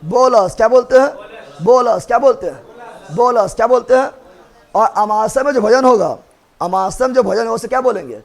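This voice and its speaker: A man's voice: very high voice, normal speed, creaky. A man teaching a biology class, drilling students with repeated questions and playfully scolding them. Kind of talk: classroom lecture.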